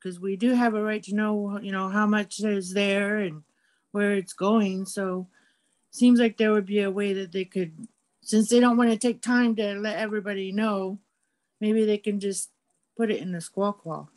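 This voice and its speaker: A woman with a medium-pitched voice joins a community discussion by video call. She puts her question in casual, everyday speech. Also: steady tone, moderate pace, a little mellow. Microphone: online video call.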